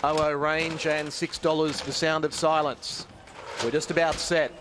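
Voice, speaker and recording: A man's voice: a little high, level tone, measured pace. A man calling a greyhound race in live commentary. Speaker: race caller. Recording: clearly noisy trackside broadcast.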